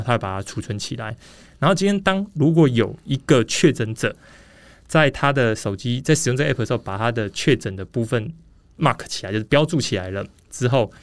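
A man's voice: mid-range voice, no echo. A man with a Taiwanese Mandarin accent hosting a casual podcast in a rambling, explanatory way, slightly muffled by a face mask. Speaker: podcast host.

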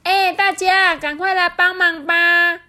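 A woman voicing a curious, cheeky little crow in a children's picture-book reading, asking bright, teasing questions. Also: on the high side, very animated, moderate pace, voice pushed up.

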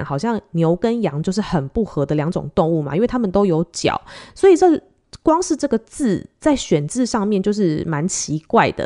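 Lively Taiwanese woman telling a story. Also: mid-range voice. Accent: Taiwanese Mandarin. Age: late 30s. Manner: chatty, animated, acts out quoted dialogue. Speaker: podcast host. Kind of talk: casual storytelling monologue.

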